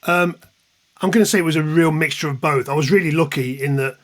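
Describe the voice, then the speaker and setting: Speaking a little fast at a fairly high pitch, this English-accented man in his fifties hails from the East Midlands. He's a music journalist and author who, as an interview guest, reminisces casually, anecdotal and self-deprecating.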